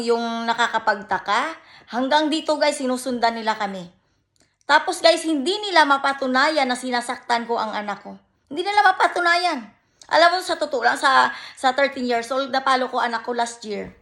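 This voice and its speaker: A woman's voice: on the high side, creaky, fairly bright tone. A middle-aged Filipina woman vlogging in a personal, pleading tone, switching between Tagalog and English with a Filipino accent and calling her viewers "guys". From Philippines. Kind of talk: emotional personal vlog talk.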